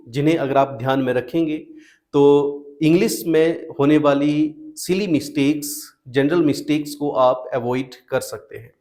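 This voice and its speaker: Slow, patient male teacher. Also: on the high side, a little mellow. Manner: slow, patient, asks questions then answers them. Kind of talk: explaining spelling rules to students.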